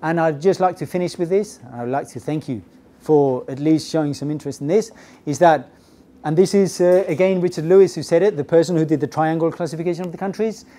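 A middle-aged man giving a business English class lecture, lively and constantly checking in with the audience. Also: a little high, brisk. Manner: lively, asks the audience "okay? yes?" often. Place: classroom with projector screen. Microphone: lapel mic.

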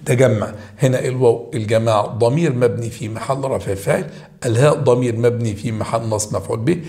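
Egyptian male teacher, rapid and emphatic, repeats points, talks straight to his students. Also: mid-range voice. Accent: Egyptian Arabic. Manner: lively and emphatic, repeats key points, addresses students directly. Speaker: high school Arabic teacher. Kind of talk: walking through grammar homework answers.

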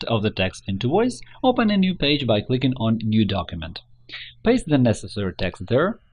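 Narrating a scripted how-to tutorial, the male presenter explains every step with a very animated voice whose pitch keeps swinging up and down.

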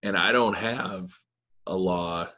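A musician in his thirties with a very low voice answers questions slowly in a casual video-call interview, relaxed and meandering, leaning heavily on "you know" and "like." He talks into a laptop webcam mic from a small indoor room with blinds.

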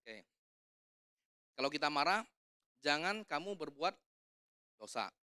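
A man's voice: a little high, very animated, takes it slowly, bright, forceful tone, clear, resonant tone, dry recording, clean studio sound. A man preaching a conversational sermon at a church service, casual and joking, putting questions to the congregation. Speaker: evangelist preaching.

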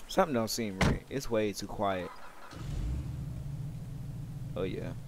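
A man with a lowish voice speaks slowly, giving casual, slangy, profane running commentary as he plays a roleplay video game for his gaming videos. He mutters to himself and to viewers over loud game car and outdoor noise.

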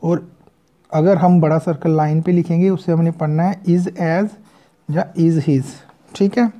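A teacher walks through a shorthand lesson in a slow, measured way, pausing to spell each word out sound by sound. The voice is very dark and mellow, and the pitch sits in a middle range. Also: fairly even intonation. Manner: patient step-by-step explaining, spelling words out sound by sound. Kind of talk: recorded lesson.

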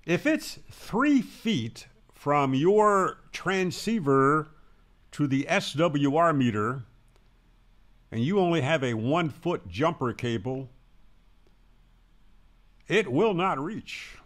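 An American man in his sixties hosts a ham radio tutorial channel, explaining to camera in a conversational, emphatic and wry way. His voice is fairly high-pitched and expressive, slow with frequent pauses. He's close on a broadcast mic on a boom in a small indoor home room with guitars.

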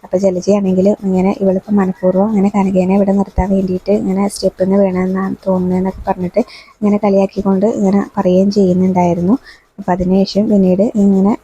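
Woman, serial episode recap, fast talker, flat delivery, dry close sound. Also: medium pitch, breathy edge, no room sound, dull audio. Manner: fast flat retelling with fillers. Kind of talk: casual spoken recap.

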